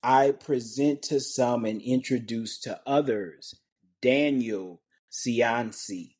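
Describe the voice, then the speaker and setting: A man's voice: mid-range voice, slow, darkish tone. A man hosting a podcast interview, introducing his guest with enthusiasm and asking questions. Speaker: podcast host.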